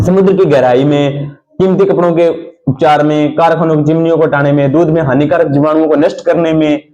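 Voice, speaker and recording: Male exam-prep teacher, a bit high-pitched, mellow, repeats and quizzes the class. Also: steady tone, fairly quick, dull audio. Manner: repetitive, quizzes students and answers himself; rhythmic drilling of key points. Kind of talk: live online class lecture.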